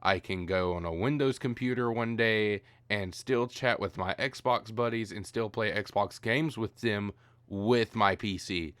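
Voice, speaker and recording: A man's voice: fairly low pitch, unhurried, a bit bright, smooth, no echo. A tired man ranting profanely in a rambling, exasperated gaming commentary.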